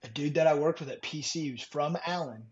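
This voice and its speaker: Excited, fairly high-voiced storytelling man. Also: a little fast, breathy edge, dull audio. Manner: excited, laughing storyteller who acts out his own past remarks. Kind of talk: casual chat.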